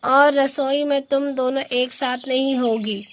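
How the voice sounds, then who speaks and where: A woman's voice: sits high, fairly even intonation, a little slow. Woman voicing a bossy old crow mother-in-law. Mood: scolding. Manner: scolding, commanding. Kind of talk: cartoon voice acting.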